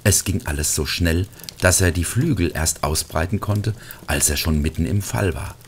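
A middle-aged man reading a Christmas storybook aloud, gentle and hushed at times, with lively swings into character voices. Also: moderate pace, slight background noise. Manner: gentle, hushed, drops to a whisper in places; lively character voices rising high for quotes. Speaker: narrator. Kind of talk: scripted storybook narration.

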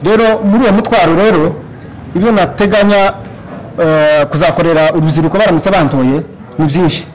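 Young man, from Congo, high voice, campaign speech, halting with fillers, stand mic in a large hall. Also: slight background noise. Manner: halting, with many fillers and restarts. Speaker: candidate for youth leadership. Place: large plain hall, indoors.

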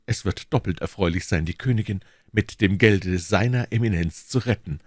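A man's voice: fairly low pitch, moderate pace, no room sound, clean studio sound, natural voice. A man voicing a bold, devoted young swordsman in an audiobook, eager and declamatory. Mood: ardent. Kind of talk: audiobook reading, acted dialogue.

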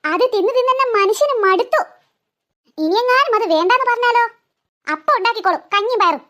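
A woman's voice: very high-pitched, expressive, fast talker, fairly bright tone. A woman voicing hungry cartoon children who whine and complain sarcastically about their food. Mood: sarcastic. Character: hungry, whiny cartoon children, sassy and teasing. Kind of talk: cartoon voice acting.

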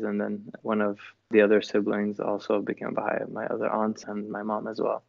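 Brief: man from Chile, even and low, reflective interview guest, lo-fi dry audio. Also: creaky, no room sound. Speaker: musician guest. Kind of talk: interview answers. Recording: dull lo-fi dry sound.

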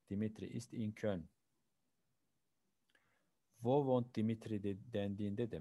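A man teaching a language lesson from a textbook. He asks questions and answers them himself, and slows down to read out example sentences. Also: fairly low pitch, dark tone, no echo. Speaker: German teacher. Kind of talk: classroom lesson explaining textbook exercises.

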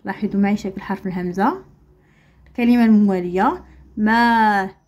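A woman's voice: mid-range voice, animated, moderate pace, darkish tone, breathy edge. A woman with a Moroccan accent teaching Arabic letters to young pupils, drawing words out syllable by syllable. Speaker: primary school Arabic teacher. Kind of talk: recorded classroom lesson.

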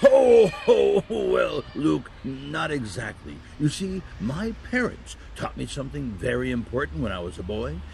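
Man playing kindly old Santa Claus, gravelly and animated. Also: a little high, a crowd in the background, exaggerated voice. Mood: gently explaining. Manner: gently halting, chuckling storyteller. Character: kindly, patient old Saint Nicholas as Santa. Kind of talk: family audio drama acting.

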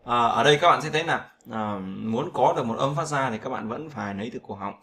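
Here a man speaks quickly in a mid-range, sharp-toned voice, giving a casual lesson on English pronunciation in Vietnamese. He repeats and drills sounds, frequently asking "right?" to check in.

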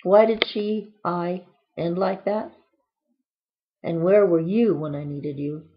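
A woman reads from her own book with a playful, whimsical lilt and plenty of quirky asides. Her voice sits on the low side for a woman. The recording is dull and lo-fi. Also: takes it slowly.

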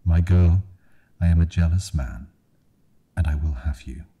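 A man voicing a jealous hooded stranger in ASMR storytelling, speaking with low whispered menace. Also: a little slow, warm tone, husky, heavily acted. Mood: menacing.

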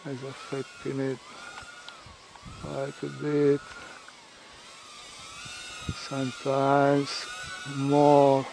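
Slow-talking young man in windy field. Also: mid-range voice, monotone, vocal fry, warm tone. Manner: slow, halting talk with fillers. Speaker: drone hobbyist vlogger. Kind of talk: casual commentary while flying a drone. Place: outdoors in a windy rural field. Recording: outdoor noise, wind and ambience.

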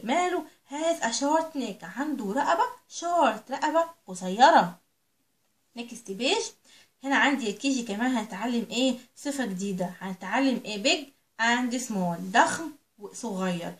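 An Egyptian woman teaching English to young children, stretching out the English words slowly and quizzing the kids with questions. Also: high-pitched, echoey room. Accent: Egyptian Arabic. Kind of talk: recorded lesson for young children.

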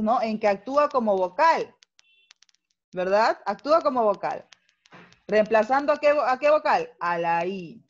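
Slow, patient Peruvian woman teacher. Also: fairly high pitch, muffled recording. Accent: Peruvian Spanish. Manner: patient, explanatory, checks understanding with tag questions. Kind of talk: online class lecture.

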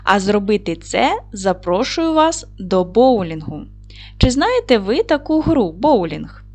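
A woman's voice: medium pitch, very animated, unhurried, a little mellow. Woman teaching a children's video lesson. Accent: Ukrainian. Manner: clear, patient, instructive tone addressing children. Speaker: primary school teacher.

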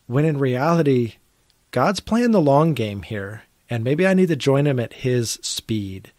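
A man's voice: medium pitch, big pitch swings, measured pace, a little mellow, no room sound, clean studio sound. A man co-hosting a podcast, talking in a reflective, earnest way and laughing easily. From Oregon. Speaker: podcast co-host. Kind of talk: casual phone conversation.

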